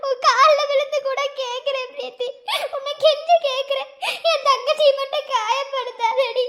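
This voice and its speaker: A woman's voice: extremely high pitch, fairly quick. A woman voicing a desperate young adult in a cartoon, emotionally begging someone not to hurt their younger sister. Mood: pleading. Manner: pleading, emotional. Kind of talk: cartoon voice acting.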